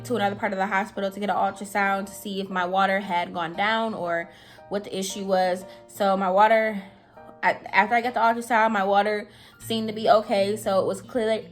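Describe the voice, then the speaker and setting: A young woman vlogger telling a personal story in a casual, chatty way, full of "like" and "I'm telling you", sounding anxious. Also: medium pitch.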